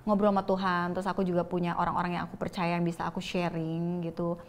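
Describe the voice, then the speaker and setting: A woman's voice: fairly low pitch, monotone, fast, a little hiss or hum. A woman guest telling her faith story in a candid, chatty way, laughing between phrases. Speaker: interview guest. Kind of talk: casual faith testimony.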